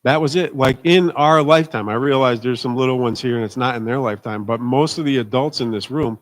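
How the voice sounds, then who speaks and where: A man's voice: mid-range voice, brisk. A middle-aged man, a pastor, giving an informal, conversational sermon at a church service, emphatic and calling for amens. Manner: emphatic, asks the congregation for amens.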